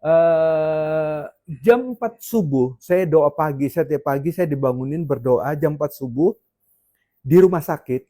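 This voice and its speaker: Mellow-voiced middle-aged man giving testimony. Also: a little high, measured pace. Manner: conversational storytelling with frequent fillers and restarts. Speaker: church testimony speaker. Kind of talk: personal testimony to a congregation.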